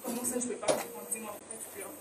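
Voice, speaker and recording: A woman's voice: a little high, level tone, very fast, natural voice. A woman playing an exasperated mother who keeps pressing her crying daughter, in an amateur church skit. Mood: insistent. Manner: repeats demands, exasperated. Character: scolding mother, exasperated and insistent. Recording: echoey hall, distant mic, noisy.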